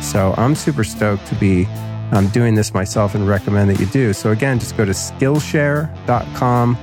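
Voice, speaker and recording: A podcast host delivers a casual intro and ad reads in a laid-back, slangy, enthusiastic style. His voice is on the low side at a moderate pace, slightly nasal from a cold, with music underneath.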